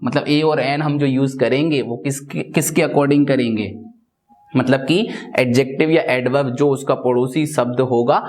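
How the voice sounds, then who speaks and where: A man's voice: mid-range voice, fairly even intonation, moderate pace, a little mellow. A man teaching English grammar in Hindi, asking himself rhetorical questions and answering them, with frequent "theek hai" fillers. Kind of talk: Hindi-language grammar lesson.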